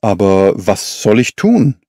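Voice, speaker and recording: A man reading an audiobook, voicing Dr. Watson as a calm, loyal middle-aged gentleman who answers in low, steady, earnest tones. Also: slow pace, dry recording, clean studio sound, full character voice.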